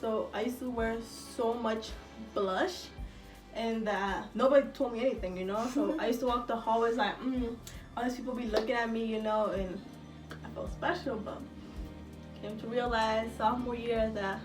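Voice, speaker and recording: Here the same eighteen-year-old vlog co-host, born in El Salvador and raised in the US since childhood, talks at a normal pace in a slightly high voice with fairly even intonation. Her Q&A chat is casual, slangy and candid. Music sits in the background of a roomy, distant-mic recording.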